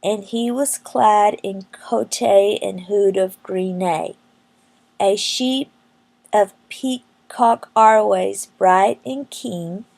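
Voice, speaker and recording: A woman reciting Middle English poetry in a careful, halting way, word by word, with occasional stumbles. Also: mid-range voice, creaky, darkish tone.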